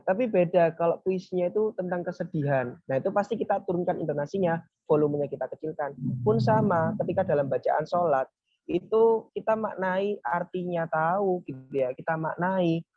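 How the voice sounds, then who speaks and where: A relaxed religious speaker gives a casual Friday talk. The speaker explains step by step at a medium pitch, often circling back with little wrap-up phrases. The recording is dull and lo-fi, with a dry, close sound. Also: dry recording. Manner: relaxed, explaining step by step, often saying "nah, itu gitu"; talks to a helper advancing slides.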